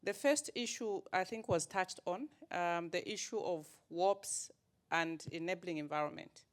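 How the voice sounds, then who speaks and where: A woman from Zambia with a lowish, unhurried voice puts direct, orderly questions to a conference panel. She's an audience member who works as staff at a water regulator.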